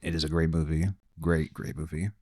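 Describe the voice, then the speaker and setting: A man co-hosting a casual movie review podcast, laid-back and quick to laugh. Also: very deep voice, monotone, dark tone. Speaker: podcast co-host.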